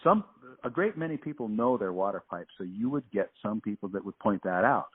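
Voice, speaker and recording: A man's voice: lowish voice, expressive, fairly quick, slightly rough. A man talking on a phone call, laid-back and hesitant, with a patchy, cutting-out line. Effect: heard over a phone line. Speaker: artist taking a phone call.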